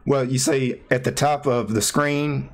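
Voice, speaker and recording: A man hosting a casual video-call chat, talking in a relaxed, rambling way with plenty of fillers. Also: mid-range voice, measured pace. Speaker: host.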